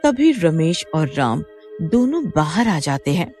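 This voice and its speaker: A woman narrating a cartoon horror story in an expressive storybook way. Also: low-pitched, slow, faint music behind.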